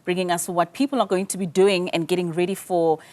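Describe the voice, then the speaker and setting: A woman's voice: lowish voice, level tone, brisk, darkish tone. A woman anchoring the news, handing over conversationally with light banter.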